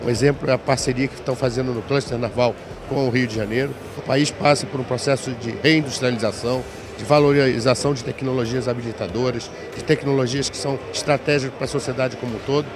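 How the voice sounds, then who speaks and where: A man's voice: medium pitch, steady tone, fast, hardly any pauses. A man in his sixties speaking assertively and formally in an interview at a crowded fair. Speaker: government official interviewee. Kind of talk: interview soundbite. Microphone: handheld interview mic. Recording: busy crowd chatter around.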